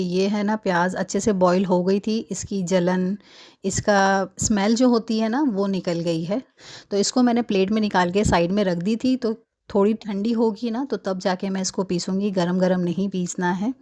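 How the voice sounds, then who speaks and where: A woman's voice: mid-range voice, darkish tone. A woman in her thirties narrating a recipe in her home kitchen in a chatty, casual way, with frequent filler tags. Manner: chatty, many fillers like "hai na". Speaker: cooking vlogger.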